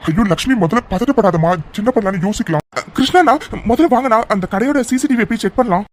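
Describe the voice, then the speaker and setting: A man's voice: high-pitched, fast, natural voice. A man voicing a worried young man in a cartoon who pleads and keeps crying out in alarm. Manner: pleading, repeats "aiyo". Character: worried young man searching for his sweetheart. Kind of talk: cartoon dub dialogue.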